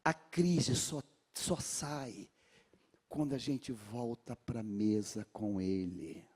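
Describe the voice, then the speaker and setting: A Brazilian pastor with a Rio de Janeiro Portuguese accent preaches in a large church, asking the congregation to repeat his words and swinging from hushed lines to shouts. His mid-range voice is slightly rough and his pace slow.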